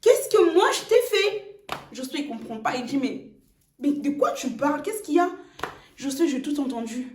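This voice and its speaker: A heartbroken young fiancée confronting her lying partner, hurt and accusing, played by a woman storyteller. Her voice is high. The recording has a roomy echo. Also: very animated, moderate pace, a little mellow, a little hiss or hum.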